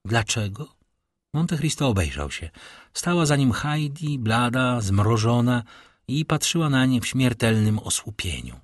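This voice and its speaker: A man reading a classic novel aloud in measured, literary narration. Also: mid-range voice, big pitch swings, dry recording, studio quality. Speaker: audiobook reader. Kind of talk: scripted narration.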